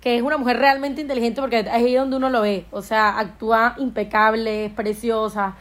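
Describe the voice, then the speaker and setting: A young woman, a podcast guest who chats in an animated, gushing way. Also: on the high side, a little fast. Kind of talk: casual podcast chat.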